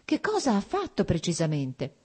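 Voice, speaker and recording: A woman's voice: fairly low pitch, wildly swooping pitch, normal speed, mellow, slightly rough, heavily acted. A woman voicing an anxious, earnest married woman who pleads emphatically for her friend, in an audiobook reading. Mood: distraught.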